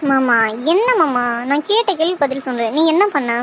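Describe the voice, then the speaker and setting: A woman's voice: high-pitched, animated, moderate pace, a little hiss or hum. A woman voicing a sulky, teasing young woman heroine in a cartoon love story, with pouting, complaining lines. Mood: insistent. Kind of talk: cartoon voice acting.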